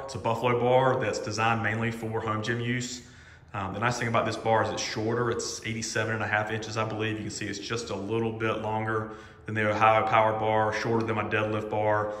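Chatty man in an echoey gym. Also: on the low side. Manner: relaxed, filler-heavy, chatty. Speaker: home gym vlogger. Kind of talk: casual equipment walkthrough. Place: echoey home gym room. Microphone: phone camera held while walking. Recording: roomy reverberant home gym.

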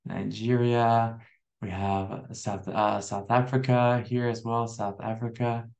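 American man, 20s, English teacher, online lesson, slow pace, mid pitch, friendly, asks questions. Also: steady tone, vocal fry, darkish tone. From USA.

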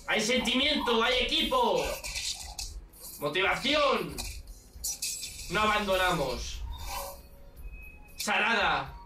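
Animated Spain Spanish reactor, swings from mutters to shouts, roomy off-mic sound, anime music under it. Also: medium pitch, slow, long pauses, recorded from a distance. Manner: excitable, shouts and swears at big moments. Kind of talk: live reaction commentary.

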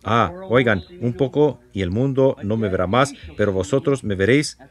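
A man's voice: fairly low pitch, moderate pace. A man preaching a sermon and leading a prayer with fervour, repeating words and putting questions to the congregation.

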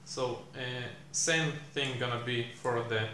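Slow, thinking-aloud young man coding. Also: mid-range voice, sharp tone. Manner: thinking aloud, many fillers and pauses. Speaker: programming tutor. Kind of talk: live coding explanation. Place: small room indoors. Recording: echoey room, faint hiss.

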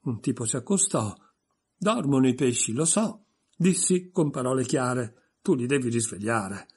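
A man's voice: mid-range voice, lively intonation, measured pace, a little mellow, breathy edge. A man reading an audiobook voices a pompous, stern egg creature reciting verse.

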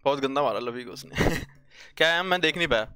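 A young man live-streaming a mobile shooter, trading quick casual callouts and banter with teammates. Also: on the high side, lively intonation, sharp tone, slight background noise.

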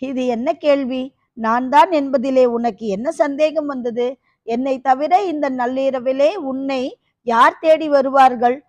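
A woman's voice: high voice, steady tone, a little slow, no echo. A woman voicing a cunning, demanding Buddhist monk. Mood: stern. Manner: questioning, demanding.

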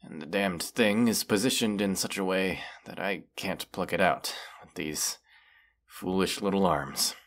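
In a fantasy audio roleplay, a man gives voice to a wounded dragon that is proud and menacing. His low voice sounds pained and bitter, and he speaks in a haughty, deliberate, archaic manner.

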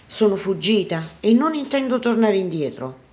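A woman voicing a young, gentle but spirited princess in a storybook reading, sweet and earnest. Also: medium pitch, big pitch swings, moderate pace, lightly acted.

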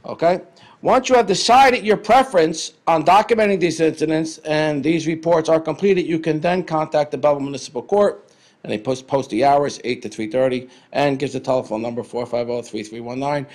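A man, a police chief, reading a letter aloud at a town council meeting, plain and steady with some fillers. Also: a little high, brisk. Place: council chamber.

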